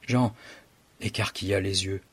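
A man reading a story aloud in a dramatic, measured narration. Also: low-pitched, fairly even intonation, fairly bright tone, breathy edge, dry recording.

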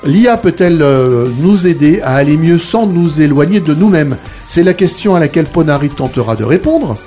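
Male radio presenter, scripted delivery, slightly high register, light music underneath. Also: expressive, moderate pace, dark tone. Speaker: radio show host.

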